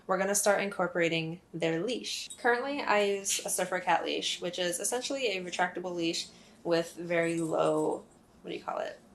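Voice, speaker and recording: A young woman in a casual instructional vlog, explaining pet training in a friendly, chatty way with occasional fillers. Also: lowish voice. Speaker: cat owner explaining leash training.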